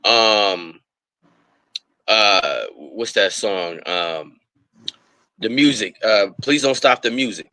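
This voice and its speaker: A man's voice: on the low side, expressive, slow pace, long pauses, pushed and bright, no echo, low-quality recording. A man, a rapper, chatting as an interview guest and telling long stories with plenty of fillers and restarts. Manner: rambling storyteller with many fillers. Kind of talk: casual interview chat.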